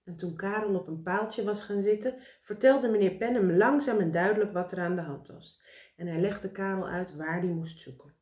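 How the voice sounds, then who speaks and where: A woman reading a children's book aloud with lively, expressive narration. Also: medium pitch, moderate pace. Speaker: storybook reader. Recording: roomy echo.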